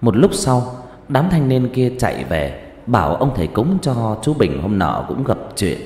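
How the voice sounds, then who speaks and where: Lively man telling a ghost story. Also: medium pitch, moderate pace. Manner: expressive, first-person storytelling. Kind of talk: horror story narration. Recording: roomy reverb with music behind.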